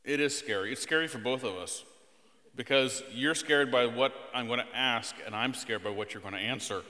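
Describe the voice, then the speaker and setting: Male pastor, expressive and playful, bright voice, long reverb of a church hall. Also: medium pitch, moderate pace. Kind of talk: scripture reading and children's sermon. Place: church sanctuary.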